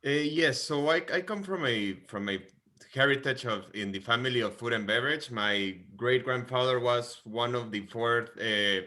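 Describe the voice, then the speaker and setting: A man's voice: medium pitch, moderate pace, bright, forceful tone. A man in his twenties from Guatemala with a Guatemalan Spanish accent, earnestly telling his story as a podcast guest and often repeating words as he searches for phrasing. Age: 20s. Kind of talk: casual podcast interview.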